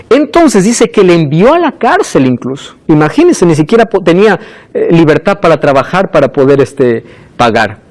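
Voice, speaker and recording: A male pastor preaching a sermon, asking the congregation questions and dropping from loud, emphatic peaks to soft, low lines.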